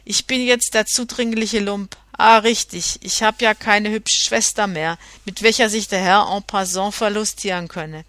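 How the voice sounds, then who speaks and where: A woman's voice: mid-range voice, fairly even intonation, a little slow, hardly any pauses, no echo, lightly acted. A woman voicing a half-drunk, scheming male journeyman revolutionary, mocking and threatening, in an audiobook reading. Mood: bitter. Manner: mocking and threatening, loud outbursts.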